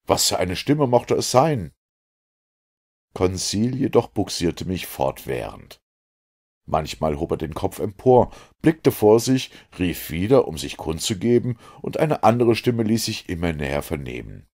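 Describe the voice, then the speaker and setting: A man narrating an adventure audiobook in a dramatic, expressive way. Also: low-pitched, unhurried.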